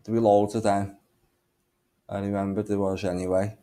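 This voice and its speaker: This narrator and video maker has a lowish, warm voice that stays level at a moderate pace. Sharing his screen, he rambles casually, thinking out loud and humming small filler tunes under his breath.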